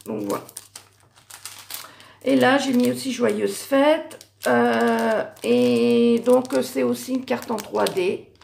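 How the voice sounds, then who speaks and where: A middle-aged woman, talking through her handmade crafts in a relaxed, halting way. Her voice is gravelly and a little hoarse, pitched somewhat high, and she stops often to correct herself. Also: a little hiss or hum. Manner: hesitant, many fillers and self-corrections. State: voice going hoarse. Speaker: craft YouTuber. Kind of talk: casual show-and-tell of handmade cards.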